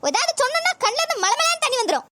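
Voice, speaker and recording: Woman acting a shrill, nagging cartoon schoolteacher, southern Tamil accent. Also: big pitch swings, very fast, bright, forceful tone, exaggerated voice. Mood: scolding. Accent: southern Tamil Nadu Tamil. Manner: nagging, exasperated. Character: stern, scolding female village school teacher. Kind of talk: comedy skit voice acting.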